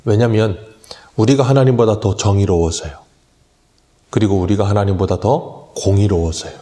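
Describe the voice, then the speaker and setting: A man's voice: fairly low pitch, normal speed, dark tone. A male pastor preaching an expository sermon at a dawn church service, earnest and full of rhetorical questions.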